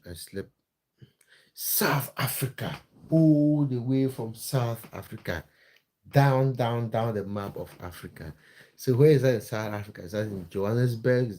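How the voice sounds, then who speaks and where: Low mellow-voiced man chatting. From Cameroon. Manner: chatty and friendly, with many fillers and hesitant restarts. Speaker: live-stream host and football content creator. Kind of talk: casual live-stream chat reading viewer comments.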